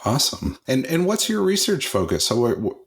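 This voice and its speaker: A man's voice: medium pitch, wildly swooping pitch, brisk. A middle-aged man, co-hosting a show and talking casually in a conversational way. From Mississippi, US South. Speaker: podcast co-host.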